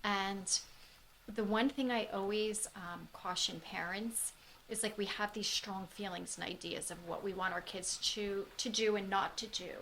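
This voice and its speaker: A woman's voice: mid-range voice, fairly even intonation, measured pace, fairly bright tone, slight background noise, rough recording. A middle-aged woman who works in school mental health, speaking earnestly in a conversational interview and repeating phrases for emphasis.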